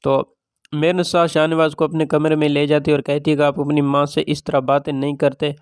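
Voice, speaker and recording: A man narrates a drama's plot as a reviewer, speaking in a steady, matter-of-fact way. His voice sits a little high and stays smooth and resonant. The delivery barely rises or falls, and the sound is dry and close. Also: no echo.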